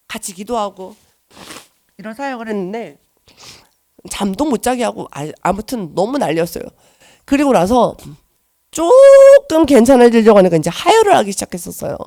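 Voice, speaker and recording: Animated woman giving a church testimony. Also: mid-range voice, moderate pace, pauses often, dry recording, clean studio sound. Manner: animated, swings from soft to loud and earnest.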